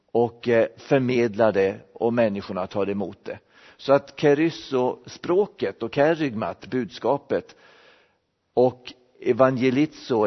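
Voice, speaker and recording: Guy preaching a bible lesson, mid pitch, echoey hall, kinda dull muffled sound. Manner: explanatory, with hesitant restarts. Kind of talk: Bible teaching sermon. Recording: dull recording in a reverberant hall.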